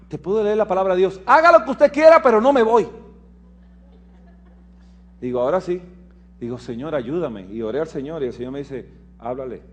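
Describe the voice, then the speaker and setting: A man giving a preached lecture, telling personal stories and acting out the dialogue, dropping to quiet asides and rising to loud emphasis. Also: medium pitch, a little hiss or hum. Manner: animated storyteller who acts out dialogue and swings from hushed asides to loud emphasis. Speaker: health lecturer at a Bible prophecy school.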